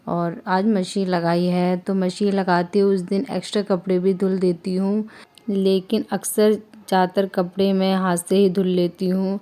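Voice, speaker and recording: A young woman from India, a mother, calmly narrating her household routine in a steady, explanatory way that often repeats itself. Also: lowish voice. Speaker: vlogger mother. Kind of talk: calm voice-over narration of a home routine.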